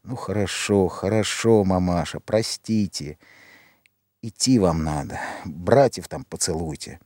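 A man voicing a bitter, irritable young man awaiting execution, who snaps and shouts at his mother. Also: medium pitch, animated, unhurried, no echo, clean studio sound, close to an everyday voice. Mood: broken. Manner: sharp, shouting.

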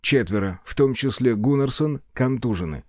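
Guy reading an action audiobook, steady and dramatic, dead dry mic. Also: medium pitch, moderate pace, no echo. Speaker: audiobook narrator. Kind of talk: scripted narration.

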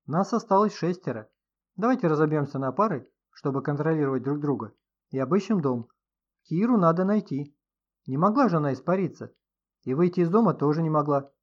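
A man's voice: fairly high pitch, lively intonation, a little fast, lo-fi sound. A man reading an audiobook, voicing a sardonic, commanding host of a house. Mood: decisive. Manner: ironic, commanding. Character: sardonic middle-aged male host of the house, mocking.

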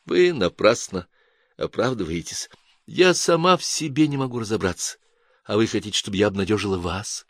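A gentle, hesitant young woman from an audiobook, as a male reader puts her on. She speaks softly and guardedly, in a low, dry, close voice. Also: animated, moderate pace, dry recording. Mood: wistful.

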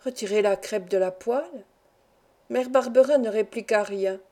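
Mellow-voiced woman reading a novel. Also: mid-range voice, moderate pace. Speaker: audiobook reader. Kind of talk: scripted narration of a novel.

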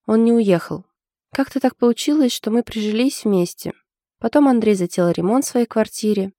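An anxious young woman in love, confiding her trouble in a hesitant way, as a woman reads her part. The voice is mellow and dark. It sounds dry and close. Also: on the high side, moderate pace, dry recording, pitched above the performer's own voice, close to an everyday voice.

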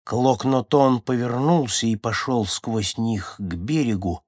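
A man's voice: medium pitch, measured pace, dry recording. Man narrating dramatically, voice dry. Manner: dramatic reading with strong swings between loud and hushed. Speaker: audiobook narrator. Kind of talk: scripted narration of a children's audiobook story.

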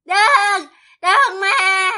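A woman's voice: extremely high pitch, drawn-out words, pushed and bright, voice pushed up, heavily acted. A woman voicing a terrified young man who cries and begs for mercy in a fantasy audiobook. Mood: terrified pleading. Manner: sobbing, begging. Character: young man pleading in terror.

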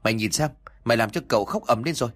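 A man voicing the cruel, scolding wives of a rich landlord, berating a servant in rapid bursts. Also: animated, soft background music, natural voice. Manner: shrill, fast berating.

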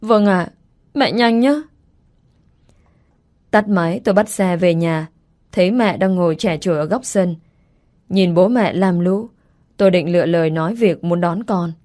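A woman, reading a first-person story calmly. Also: fairly low pitch, normal speed. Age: 20s.

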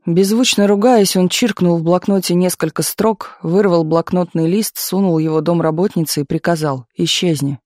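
A man reading a novel aloud as an audiobook narrator, steady and expressive, on a close microphone. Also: high voice, normal speed, few pauses, dry recording.

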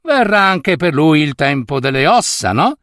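Guy doing a gentle young boy, soothing, a bit higher. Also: very animated, unhurried, dry recording, clean studio sound.

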